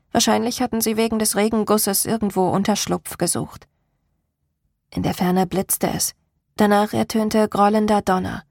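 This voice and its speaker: A woman reading a first-person story aloud in a steady, even storytelling delivery. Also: mid-range voice, creaky, dry recording, studio quality. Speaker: audiobook narrator. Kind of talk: first-person scripted narration.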